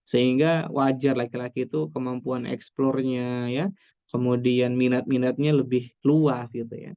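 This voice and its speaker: A man's voice: mid-range voice, flat delivery, moderate pace, narrow, tinny audio. A man with an Indonesian accent, a psychologist giving a chatty, reassuring parenting webinar talk with laughs between points. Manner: warm, reassuring, repeats "nggak apa-apa" and "ya". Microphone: webinar computer mic.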